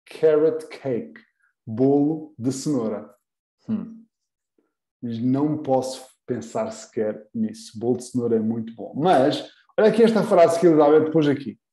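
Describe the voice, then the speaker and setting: Slow, patient European Portuguese teacher. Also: male voice, mid-range voice, lively intonation, dark tone, echoey room. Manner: patient, repeats example phrases slowly and clearly. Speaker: English teacher. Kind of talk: live online language lesson.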